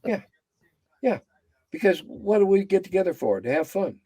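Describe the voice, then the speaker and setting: Husky and sing-song at a normal speed, the voice belongs to a seventy-something game designer being interviewed in a relaxed chat. He's blunt and meandering, going low and quiet as he finishes up, with no echo present.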